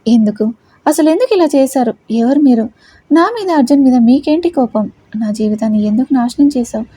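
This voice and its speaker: A woman acting out a distressed young bride, pleading, husky voice. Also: high-pitched, fairly quick, warm tone. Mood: outraged.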